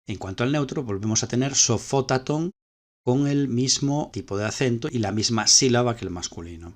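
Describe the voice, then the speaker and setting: A man with a Spanish accent teaching ancient Greek grammar step by step, repeating key points as he explains slides. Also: lowish voice.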